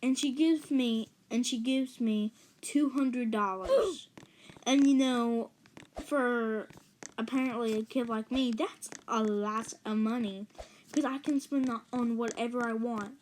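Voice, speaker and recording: Female gamer, storytime narration, unhurried and rambling, slightly high voice. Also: a little mellow, slight background noise, low-quality recording. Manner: rambling, chatty, gasps for effect. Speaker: gaming channel storyteller. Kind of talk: casual story narration over gameplay.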